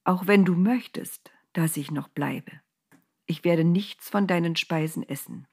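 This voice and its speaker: A woman voicing a patient male angel who speaks softly in a whisper, in a told Bible story. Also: lowish voice, unhurried, slightly rough. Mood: gentle. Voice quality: soft whisper.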